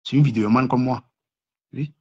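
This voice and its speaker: A man's voice: fairly even intonation, a little fast, darkish tone, breathy edge. A man ranting and mocking other creators on a casual live stream, repeating himself and stammering through restarts. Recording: muffled low-fidelity live stream.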